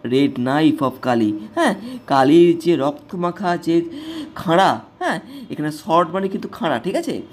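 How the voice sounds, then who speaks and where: A woman's voice: low voice, expressive, measured pace, darkish tone. A woman teacher who reads English lines aloud and explains them to students in Bengali, often checking whether they follow.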